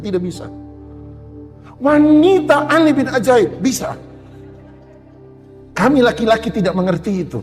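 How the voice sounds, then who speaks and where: High-voiced, lively joking male pastor. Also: long reverb tail. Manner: joking and animated, acts out little quoted exchanges. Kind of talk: humorous sermon to a women's gathering. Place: church hall.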